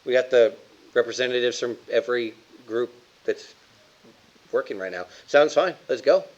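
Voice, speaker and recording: A man's voice: medium pitch, normal speed, lo-fi sound. A man chatting as a player in a tabletop game, jokey and thinking aloud. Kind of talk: casual chat while playing a tabletop game.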